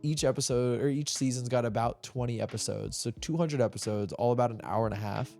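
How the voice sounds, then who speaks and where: A man's voice: medium pitch, brisk, gravelly, a little mellow, soft background music. A man co-hosting a podcast in casual chat, joking and swearing with frequent laughter. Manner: joking, profane, laughs often. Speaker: podcast co-host.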